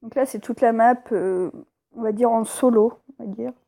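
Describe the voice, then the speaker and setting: Une femme à la voix un peu aiguë et douce, qui commente un jeu vidéo sur un ton décontracté, avec des hésitations. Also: female voice, fairly high pitch, normal speed, warm tone. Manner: chatty, hesitant, with fillers and stumbles when reading. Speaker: let's play host. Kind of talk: casual gameplay commentary.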